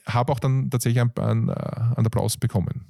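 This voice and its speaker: A man with an Austrian accent, a coach and comedian, telling stories in an interview with lively laughs and many fillers. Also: medium pitch, fast talker, creaky, dry recording, studio quality. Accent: Austrian German. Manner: animated storytelling with frequent laughs and fillers. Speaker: guest, coach and stand-up comedian. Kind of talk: conversational interview.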